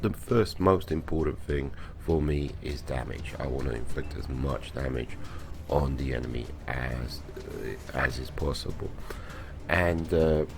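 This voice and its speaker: A man's voice: very deep voice, unhurried, vocal fry, background noise. A man with a slight cold, sounding worse for wear, giving casual gaming guide commentary and repeating phrases for emphasis. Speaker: gaming video host.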